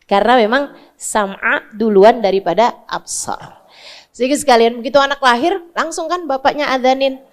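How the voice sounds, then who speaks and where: A woman's voice: fairly high pitch, normal speed. A woman in her forties from Indonesia preaching a sermon, scolding her listeners with blunt rhetorical questions and chanting verses in Arabic. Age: 40s.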